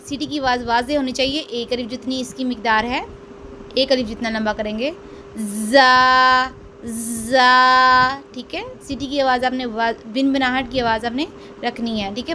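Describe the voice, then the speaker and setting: High-voiced woman teaching letter sounds. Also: steady tone, a little fast, slight background noise. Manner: drills letters aloud, drawn out and stressed; asks questions then answers them herself. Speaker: Quran reading teacher. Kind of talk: slow step-by-step lesson.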